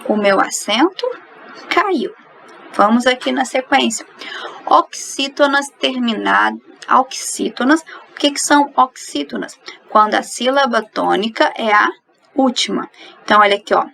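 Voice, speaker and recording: Gravelly woman teaching grammar. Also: fairly high pitch, expressive, measured pace, fairly bright tone, low-quality recording. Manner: explanatory, asks and answers her own questions. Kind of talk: recorded online grammar lesson.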